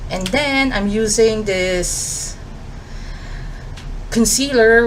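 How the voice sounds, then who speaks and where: Here a Filipino-accented beauty vlogger in her thirties, medium-pitched, keeps up a chatty get-ready-with-me commentary while applying makeup, leaning on fillers like "um" and "like." The recording is rough with a little background noise.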